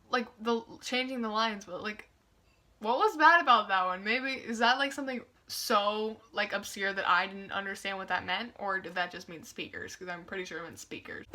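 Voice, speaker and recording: A woman's voice: medium pitch, bright, forceful tone. A young woman giving casual reaction commentary, chatty and wry, full of "like" fillers and amused asides. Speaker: video reactor.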